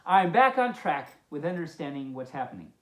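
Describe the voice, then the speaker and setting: Her voice sits low but swings widely in pitch as she reads a storybook aloud at normal speed, hosting kids' story time as a cheerful pup. She adds playful asides along the way, and the indoor recording carries a roomy echo.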